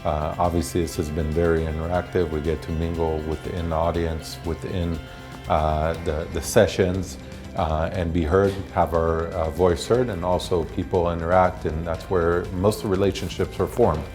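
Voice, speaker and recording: Man, event exhibitor testimonial, low even voice over background music. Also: moderate pace. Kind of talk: casual on-camera testimonial. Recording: music behind the voice.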